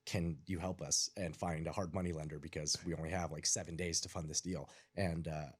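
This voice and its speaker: A man's voice: extremely low pitch, steady tone, a little fast, slightly rough. A man, a podcast guest, chatting casually with lots of likes and uhs. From raised in the United States, born in Iran.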